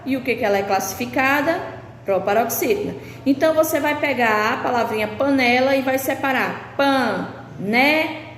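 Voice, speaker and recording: A woman teacher with a Brazilian Portuguese accent, patiently reading through workbook exercises in a remote lesson. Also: high voice. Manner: slow, patient explaining, reading out questions. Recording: echoey room with long reverb, faint background hiss.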